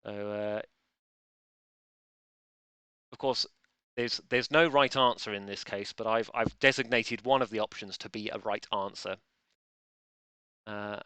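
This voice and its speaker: Bright, crisp-voiced male quiz host. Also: medium pitch, no room sound. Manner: chatty, playful, bumbling with restarts. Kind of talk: live-streamed quiz hosting.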